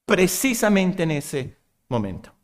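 A man's voice: high-pitched, big pitch swings, measured pace. A man preaching a sermon, emphatic, repeating phrases and asking rhetorical questions.

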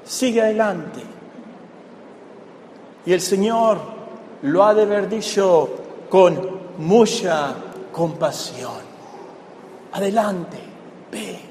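High pitched man preaching slowly to his congregation, asking them questions, big echoey church hall. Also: a little mellow. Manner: asks the congregation rhetorical questions. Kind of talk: sermon explaining a Bible passage. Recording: echoey hall with long reverb, faint background noise.

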